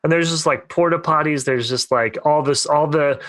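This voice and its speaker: A young man with a fairly high pitch and a fairly bright tone, speaking at a moderate pace, co-hosts a casual podcast. He tells friends a long, rambling story riddled with fillers.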